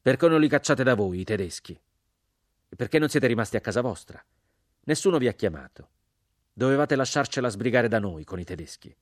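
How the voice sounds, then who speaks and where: A man's voice: deep voice, moderate pace, darkish tone, husky, dry recording, clean studio sound. A man voicing a brash, hostile male American army sergeant in an audiobook, scornful and pushy. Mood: angry. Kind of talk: audiobook character reading.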